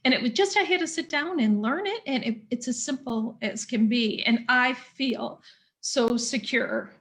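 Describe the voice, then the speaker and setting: A woman's voice: a little high, a little slow, fairly bright tone. A woman hosting a casual online talk show, chatting and reading out viewer questions. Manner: chatty, reads viewer comments aloud. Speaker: host. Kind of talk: casual interview chat.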